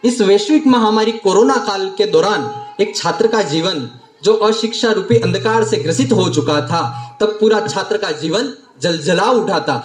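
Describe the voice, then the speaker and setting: A man's voice: sits high, lively intonation, moderate pace, a little hiss or hum. A young man in his late teens, a student debater giving a formal speech, declaiming and repeating phrases for emphasis. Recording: roomy echo.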